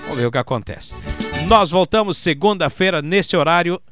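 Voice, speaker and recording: A man with a fairly high voice and a southern Brazilian accent hosts a regional radio bulletin over accordion music. He reads out announcements and promotions in a chatty way, turning to the listener with little tag questions. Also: expressive, a little fast, fairly bright tone. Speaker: radio host.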